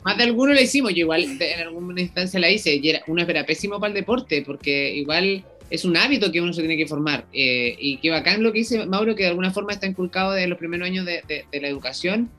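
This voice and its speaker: A man's voice: high voice, animated, fast, hardly any pauses, pushed and bright, soft background music. A man from Chile with a Chilean Spanish accent, hosting an interview in a chatty way, laughing easily and using many fillers. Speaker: podcast host. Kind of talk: casual interview chat.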